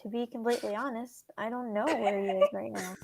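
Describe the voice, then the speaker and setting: A woman voicing a worried teenage boy, reading a fan script aloud in an earnest, hushed way. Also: a little high, fairly even intonation, a little fast, vocal fry, background noise. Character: worried teenage boy confiding about a friend.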